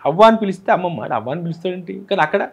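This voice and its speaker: A man's voice: sits high, animated, rapid-fire, slightly rough. A man with a Telangana Telugu accent, a film director, explaining his film in an interview with examples from village speech. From Telangana, India.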